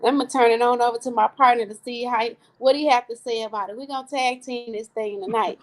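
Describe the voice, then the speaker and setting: Quick-paced and steady in tone, a woman with a slightly high voice co-hosts a casual live-stream talk show over a low-quality recording. She speaks earnestly and echoes her own phrases for emphasis.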